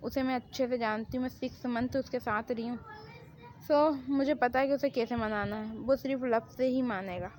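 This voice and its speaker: A woman's voice: on the high side, normal speed, a little mellow, a little hiss or hum. A young woman voicing her own lead role in a homemade fan drama, chatting confidently between scenes. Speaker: fan drama creator playing the mafia queen.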